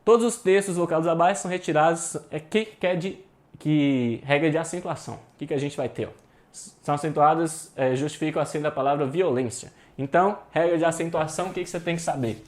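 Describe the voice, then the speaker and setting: A Brazilian man with a somewhat high voice, running an online exam-prep lecture. He talks to students in an informal, emphatic way, drops slang and swears now and then, and hammers points home by repeating them. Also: quick pace. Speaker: teacher.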